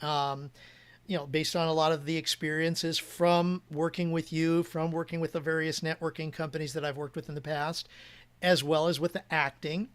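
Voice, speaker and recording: A man's voice: on the high side, fairly bright tone, smooth. A man speaking as an interview guest in casual chat, earnest and rambling with frequent restarts. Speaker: podcast guest.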